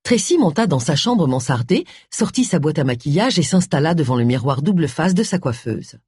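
A woman narrates a novel with expressive, scripted storytelling. Her voice is husky and her pitch moves widely. The sound is dry and close to the mic. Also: brisk, dry recording. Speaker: audiobook narrator.

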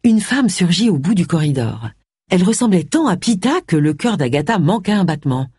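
Husky woman narrating a story. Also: fairly low pitch, big pitch swings, fairly quick, dark tone, no echo, clean studio sound. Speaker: audiobook narrator. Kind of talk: scripted narration.

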